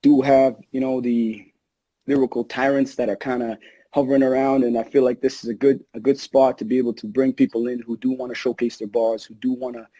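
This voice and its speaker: A man, Egyptian-born and now a rapper, chatting casually as the new host with a laid-back, relaxed delivery. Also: medium pitch, a little fast, no echo, poor audio. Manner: laid-back, relaxed, lots of "you know". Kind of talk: casual podcast chat.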